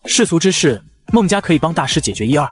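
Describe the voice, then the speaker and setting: A man's voice: a little high, big pitch swings, fast, faint music behind. A man voicing a grave old clan patriarch. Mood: solemn. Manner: solemn, courteous. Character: frail elderly male clan patriarch, grave and formal.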